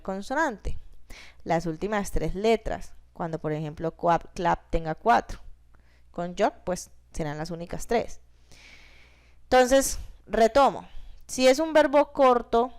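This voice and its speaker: A woman teacher goes through grammar rules at an unhurried pace. Her voice is smooth and clear. She repeats each step and keeps asking short questions to check that her students are following. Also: medium pitch. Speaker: English teacher. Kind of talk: classroom grammar explanation.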